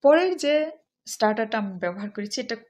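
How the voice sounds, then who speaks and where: A woman's voice: a little high, animated, fairly quick, a little mellow. A woman teaching English phrases in a spoken lesson. She mixes English phrases into her explanation and stresses each example phrase.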